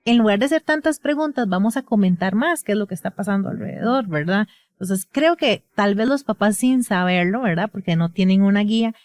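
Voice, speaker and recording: A woman's voice: mid-range voice, expressive, a little fast, darkish tone. A woman with a Costa Rican accent, a speech therapist explaining in a casual podcast conversation and often closing sentences with a question tag. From Costa Rica.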